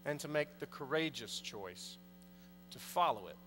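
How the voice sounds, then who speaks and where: Preaching a conversational sermon in a large church, a male priest in his thirties asks the congregation questions at a measured pace, his medium-pitched voice animated. The audio, from a pulpit mic and a far-off camera, has long reverb and a faint mains hum.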